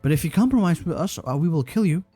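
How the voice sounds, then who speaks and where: A man putting on a smug occupier, delivering a threat in a breezy, cheerful tone. The voice is lifted higher than usual and sounds mellow rather than bright, with faint music behind. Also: expressive, quick pace, dry recording. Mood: mock-cheerful.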